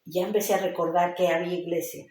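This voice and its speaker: A woman's voice: on the low side, little pitch movement, quick pace, a little mellow. A woman giving a personal testimony in a casual interview, telling it with animation and acting out the voices she quotes. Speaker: interview guest. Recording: roomy echo.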